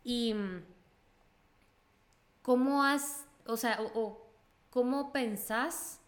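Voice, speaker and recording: Woman host asking slow careful questions, kinda high voice. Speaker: podcast co-host. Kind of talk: casual interview questions.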